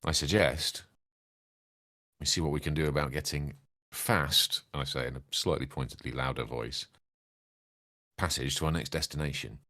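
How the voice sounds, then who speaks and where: A man's voice: a bass voice, steady tone, moderate pace, bright, forceful tone. A man speaking as a player in a tabletop role-playing game, wry and wordy, with old-fashioned turns of phrase. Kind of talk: in-character tabletop game chat.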